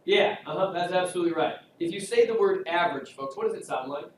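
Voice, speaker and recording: Speaking fast in a voice that sits high, a man teaches statistics in a chatty, joking way, asking his students questions. He was recorded from a distance in an echoey classroom, and slight background noise can be heard.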